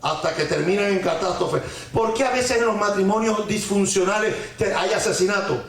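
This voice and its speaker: A man's voice: sits high, moderate pace. A man preaching on the weekly Torah portion, asking rhetorical questions, repeating phrases for emphasis and mixing in Hebrew terms and folk sayings. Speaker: Torah teacher. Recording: very echoey room.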